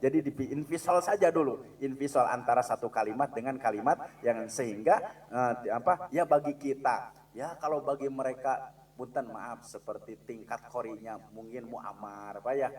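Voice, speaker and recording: A medium-pitched man, far from the mic, gives a religious lesson in a mosque with a Sundanese accent. He blends Sundanese into his Indonesian, poses questions to his listeners, and chants Quranic verses slowly and loudly as illustrations.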